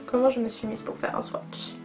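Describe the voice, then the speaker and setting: A woman's voice: on the high side, level tone, a little fast, music in the background. A woman chatting enthusiastically in a casual beauty vlog, reviewing makeup products with plenty of fillers. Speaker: beauty vlogger.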